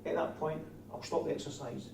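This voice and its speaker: Pitched fairly high with a steady, creaky tone, this Scottish man talks a little fast while questioning trainees in his door supervisor class. His broad accent comes through a distant mic, with room echo and faint noise.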